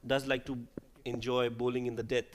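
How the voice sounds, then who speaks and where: A man's voice: medium pitch, little pitch movement, brisk, slight background noise. A man giving live cricket commentary in a conversational way, putting questions to his co-commentator.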